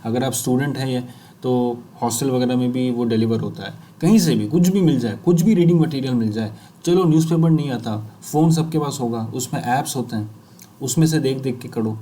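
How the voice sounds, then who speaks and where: A man with an Indian accent coaching people who stammer, mixing Hindi and English and reading English sentences one word at a time with pauses. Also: mid-range voice, dark tone, a little hiss or hum. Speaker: speech fluency coach. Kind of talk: slow instructional demonstration.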